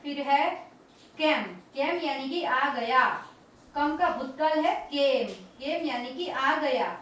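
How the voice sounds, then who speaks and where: A woman teaching a children's vocabulary lesson, explaining each word slowly and repeating it. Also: high-pitched, fairly bright tone, a little hiss or hum. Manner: slow, repetitive word-by-word explaining. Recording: very echoey room, distant mic.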